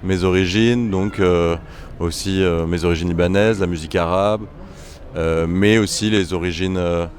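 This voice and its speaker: A man's voice: sits low, fairly even intonation, moderate pace, a little mellow, slight background noise. A young man, a musician, talking casually in an interview with many hesitant fillers and restarts. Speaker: trombonist and bandleader. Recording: music faintly behind.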